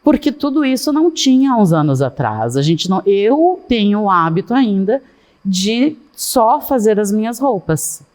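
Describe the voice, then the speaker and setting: A middle-aged woman, a guest in a casual interview, talking at length and in an animated way with many asides. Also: mid-range voice, normal speed. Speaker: guest, fashion consultant.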